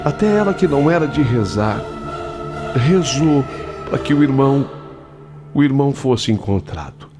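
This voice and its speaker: A man narrating a spoken ghost story in a slow, dramatic storytelling manner. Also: mid-range voice, lively intonation. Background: faint music.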